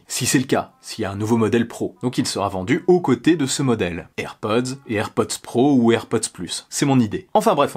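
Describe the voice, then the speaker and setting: Chatty man with a husky voice. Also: medium pitch. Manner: chatty, speculative, lively gestures. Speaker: tech YouTuber. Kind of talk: casual tech vlog. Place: small indoor room with posters and shelves.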